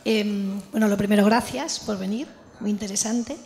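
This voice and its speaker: A woman's voice: medium pitch, fairly even intonation, moderate pace, darkish tone. Woman asking a question in a reverberant hall. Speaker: audience member asking a question. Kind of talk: polite question from the audience. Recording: long hall reverb, voice heard from a distance.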